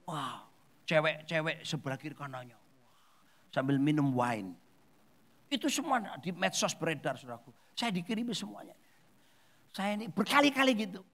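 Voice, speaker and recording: Animated pastor preaching with big swings. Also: male voice, fairly high pitch. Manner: animated, swings between loud exclamations and soft asides. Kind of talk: sermon. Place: church hall.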